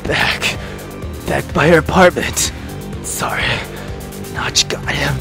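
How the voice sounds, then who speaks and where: A woman's voice: low-pitched, slow pace, creaky, over music, pitched below the performer's own voice, exaggerated voice. Woman voicing a hurt, desperate young man. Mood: pained.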